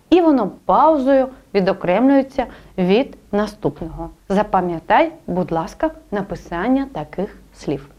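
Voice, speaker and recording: Lively woman teaching a spelling lesson. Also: a little high, lo-fi sound. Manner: clear explanatory teaching with pauses, addressing the student directly.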